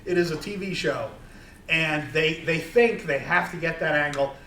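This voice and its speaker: A middle-aged sports photographer giving a casual talk to an audience, rambling with many fillers and restarts. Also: male voice, fairly high pitch, normal speed, fairly bright tone, slight background noise. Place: room with an audience. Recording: roomy, distant recording.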